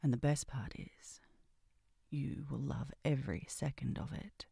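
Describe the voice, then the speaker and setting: A woman performs an ASMR role-play as a sultry, commanding narrator. Her voice is breathy and heavily creaky, with a dark, mellow tone. She speaks slowly and seductively, often slipping into a soft voice. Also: a bass voice, fairly even intonation, dry recording, studio quality. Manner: commanding, teasing.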